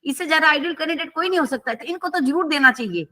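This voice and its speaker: A woman's voice: high-pitched, very fast, sharp tone, pitched above the performer's own voice. A woman voicing an innocent, childlike young male saint who protests playfully. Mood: eager.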